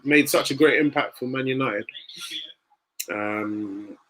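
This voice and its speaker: A man's voice: medium pitch, slow, a bit bright. A man hosting a football watch-along stream, teasing his viewers, laughing often and reacting to the play as it happens. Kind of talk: casual live-stream chat.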